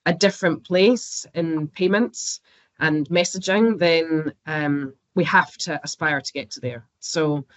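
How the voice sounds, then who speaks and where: This guest on a podcast is a Scottish woman with banking expertise who talks casually, laughs a lot, and leans on fillers. She has a deep voice and speaks a little slowly, with no echo in the audio.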